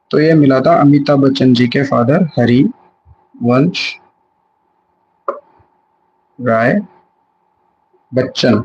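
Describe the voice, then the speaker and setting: A man's voice: fairly high pitch, a little mellow, muffled recording, a little hiss or hum. A young man giving a live revision lesson, chatty and self-correcting, mixing English words into his Hindi. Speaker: exam prep teacher.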